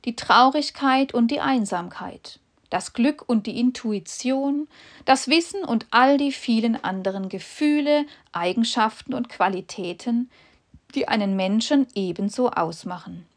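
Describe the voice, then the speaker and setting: A woman narrating a fable in a calm, measured storybook reading. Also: a little high.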